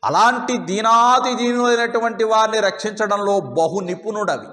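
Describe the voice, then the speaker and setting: A man with a high-pitched voice gives a devotional discourse. He teaches through stories and rhetorical questions. A long reverb from a hall trails his words. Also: normal speed, pushed and bright. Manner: storytelling with acted dialogue and rhetorical questions. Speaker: spiritual teacher.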